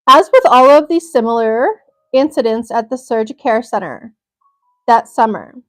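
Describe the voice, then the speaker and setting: A young woman hosts a livestream, steadily reading a crime article aloud and breaking off now and then for blunt, profane reactions. Her voice sits on the high side with lively intonation, a fairly bright tone, and normal pace, over soft background music.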